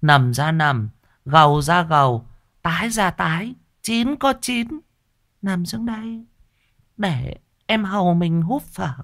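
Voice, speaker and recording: A man's voice: animated, slow, fairly bright tone, exaggerated voice. A man doing a simpering, pushy young woman. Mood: coaxing. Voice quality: simpering falsetto.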